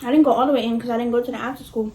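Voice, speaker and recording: A young woman telling a casual storytime in an animated, emphatic, slangy way, swearing freely. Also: fairly high pitch, rapid-fire. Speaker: vlogger. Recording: noticeable background noise.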